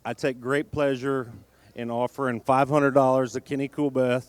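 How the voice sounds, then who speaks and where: A man's voice: mid-range voice, flat delivery, moderate pace, clear, resonant tone, no room sound. A man representing a sponsor, making a short informal award presentation on a podium.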